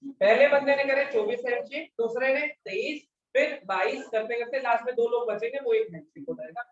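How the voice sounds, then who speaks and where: A math teacher with a very high voice lectures at a moderate pace, restating his questions and pressing students over and over for responses. The audio is echoey, distant, dull, and lo-fi.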